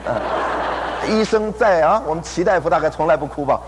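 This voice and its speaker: A man's voice: a little high, expressive, moderate pace, background noise. A man preaching a sermon, telling a story animatedly and acting out the people he quotes. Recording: long hall reverb.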